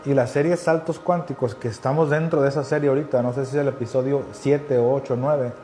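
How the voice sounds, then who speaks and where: A man's voice: medium pitch, steady tone, fairly quick, warm tone, faint music behind. A man preaching a sermon in an earnest, conversational way, repeating key phrases for emphasis. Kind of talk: sermon teaching.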